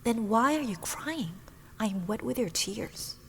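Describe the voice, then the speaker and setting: A woman whispering as a gentle little male bird. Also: fairly high pitch, lively intonation, measured pace, slight background noise. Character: small male bird, gentle and polite traveler. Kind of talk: whispered role-play.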